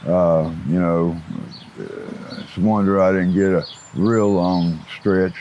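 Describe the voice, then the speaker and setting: A man in his fifties with an Appalachian accent, talking like a plain-spoken biker with rough folksy grammar as he answers interview questions about his life. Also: sits low, fairly even intonation, takes it slowly, mellow, highs cut off. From West Virginia. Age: 50s. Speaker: interview guest, former biker gang associate. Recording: clear outdoor ambient noise.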